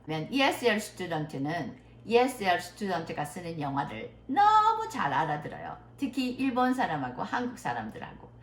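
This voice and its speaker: Middle-aged native Korean woman, casual English tutor. Low, expressive voice and slow pacing, in an echoey room with faint hiss. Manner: slow, drawn-out English demonstrations. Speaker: English conversation teacher. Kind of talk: casual spoken lesson.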